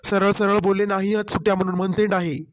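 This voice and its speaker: A man's voice: high-pitched, flat delivery, fast, natural voice. A man voicing a caring young husband in a cartoon story, coaxing and concerned in a Marathwada Marathi accent. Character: caring office-going young husband, gentle.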